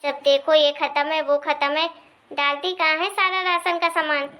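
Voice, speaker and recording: A woman's voice: high-pitched, little pitch movement, normal speed, sharp tone. A woman voicing a nagging older mother-in-law who complains and scolds. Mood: scolding.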